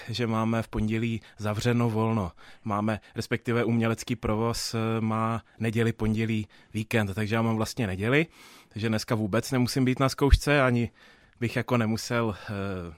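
Speaking in a fairly flat, steady pitch, a young dramaturg in his twenties talks through interview questions about his theatre work. He sounds thoughtful yet unsure, often pausing with fillers and starting his sentences over. The audio is close-miked and dry, without any room sound.

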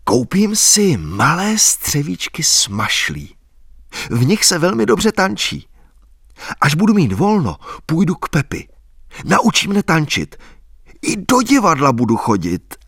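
A man putting on a wild young peasant girl, teasing, bubbly, high, drawn-out words, dry close sound. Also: huge pitch swings, a bit bright, breathy edge, no echo, full character voice. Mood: excited.

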